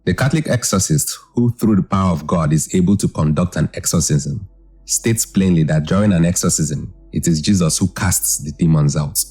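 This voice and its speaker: A man with an extremely deep voice gives an earnest, measured commentary. His tone is dark and husky, with faint music underneath. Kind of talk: scripted commentary narration.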